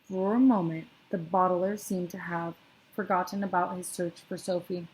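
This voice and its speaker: A woman reading a children's book aloud in a steady voice, with small slips and self-corrections. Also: on the low side, normal speed, poor audio. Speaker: storyteller.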